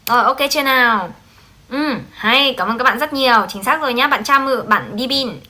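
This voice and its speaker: A woman teaching a Japanese translation class on a livestream, lively and coaxing, often checking in with her students. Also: fairly high pitch, normal speed, a little hiss or hum.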